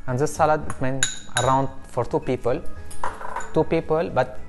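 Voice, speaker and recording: A chef in his thirties giving a cooking demonstration in a studio kitchen, explaining each step in simple, halting English. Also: medium pitch, steady tone, music in the background. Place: studio kitchen set, indoors.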